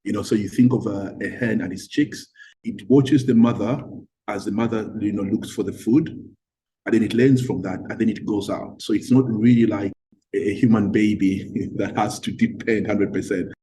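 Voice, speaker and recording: On a podcast, a middle-aged guest academic from Zambia, whose language is Tonga, reflects aloud in a mellow, fairly low voice with mostly even intonation. His speech halts and loops back, full of repeated words and fresh starts as he works out his ideas. Echo fills the roomy space, with slight background noise.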